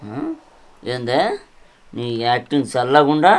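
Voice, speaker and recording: An actor with a Telangana accent playing a boastful, slurring drunken village husband. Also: male voice, medium pitch, measured pace, gravelly, clear, resonant tone. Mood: blustering. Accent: Telangana Telugu. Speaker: actor in a village comedy drama.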